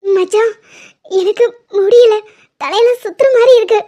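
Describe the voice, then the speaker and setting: A woman's voice: very high voice, steady tone, fairly quick, warm tone. A woman voicing an emotional, impulsive young woman in a dubbed cartoon drama, talking with urgent, tearful pleading. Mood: anxious. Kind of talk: Tamil cartoon dubbing.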